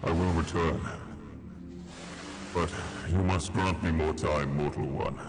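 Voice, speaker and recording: A man voicing an ancient spirit inside a mortal's head in a tabletop game, with slow, theatrical menace. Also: extremely low pitch, fairly even intonation, over music, voice pushed down. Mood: weary, ominous. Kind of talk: tabletop role-play acting.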